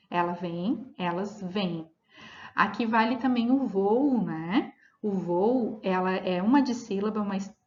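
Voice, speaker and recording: A woman teacher explaining grammar rules in a recorded lesson, reading example words slowly and checking in with her students as she goes. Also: mid-range voice, darkish tone. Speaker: Portuguese teacher. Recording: roomy, dull lo-fi audio.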